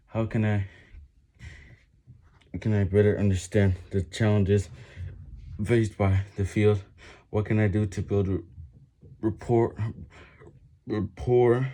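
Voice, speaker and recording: A man's voice: fairly low pitch, mellow. A man reading a book aloud while doing push-ups, in short broken phrases with frequent stumbles and restarts. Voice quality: halting, broken phrasing with stumbles over words. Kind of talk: halting read-aloud from a book.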